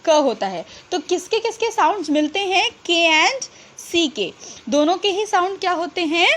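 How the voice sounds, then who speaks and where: A woman with an Indian accent teaches English pronunciation in a high voice. Her pitch rises and falls a lot, and she talks slowly and carefully, asking her students questions and then answering them herself. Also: lively intonation, fairly bright tone. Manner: mixes Hindi and English, asks and answers own questions. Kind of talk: pronunciation lesson.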